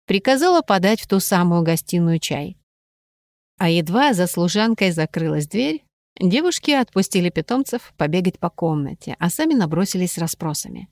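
A woman's voice: mid-range voice, darkish tone, no echo, studio quality. Wry woman narrating an audiobook. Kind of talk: first-person scripted narration.

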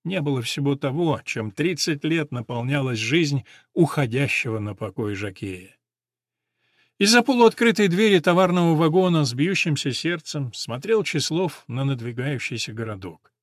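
A man narrating a story in a measured, expressive audiobook reading. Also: a little high, no room sound, studio quality.

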